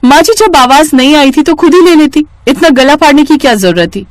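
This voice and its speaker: A woman voicing a sulky, sharp-tongued young wife in a storybook tale, in a raised, pouting voice. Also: high-pitched, animated, fairly quick, dry recording, voice pushed up. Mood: snapping.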